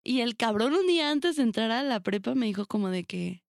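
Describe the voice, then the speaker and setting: A woman's voice: on the high side, expressive, fast, no room sound, clean studio sound. A young woman with a Mexican accent, co-hosting a podcast in casual chat, telling stories bluntly and swearing freely. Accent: Mexican Spanish. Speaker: podcast co-host.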